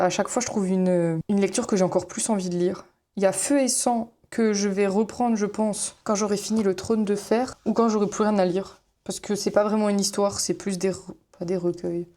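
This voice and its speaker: A woman's voice: mid-range voice, warm tone. A young woman, a student vlogger, talking casually and rambling as she flips through her notebooks, with plenty of fillers and self-corrections. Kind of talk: casual chat while flipping through notebooks.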